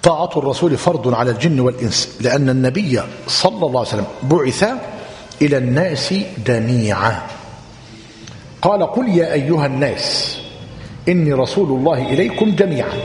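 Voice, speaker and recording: A man teaching a religious text, repeating points slowly and quizzing his listeners. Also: mid-range voice, expressive. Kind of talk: lecture explaining a text. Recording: echoey hall.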